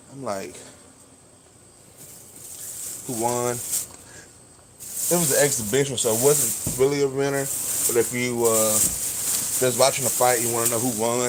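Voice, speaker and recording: A man talking casually and emphatically in slangy speech, reacting to fights like a sports vlogger. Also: medium pitch. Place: at his workplace. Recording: clear background ambient noise.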